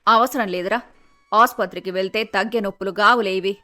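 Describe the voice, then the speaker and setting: A woman's voice: mid-range voice, steady tone, fairly quick, sharp tone, no echo, lightly acted. A woman doing a scolding middle-aged mother. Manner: teasing, scolding, down-to-earth.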